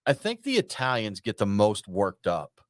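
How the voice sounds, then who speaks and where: Low-voiced man chatting on a podcast. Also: wildly swooping pitch, normal speed, dry recording. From Georgia, USA. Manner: chatty storyteller, teasing. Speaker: podcast co-host. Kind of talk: casual chat.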